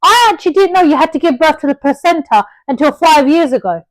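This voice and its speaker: High-voiced chatty woman. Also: fast talker, no room sound, low-quality recording. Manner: chatty and animated, jumps in with questions and tangents. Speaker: podcast co-host. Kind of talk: casual chat.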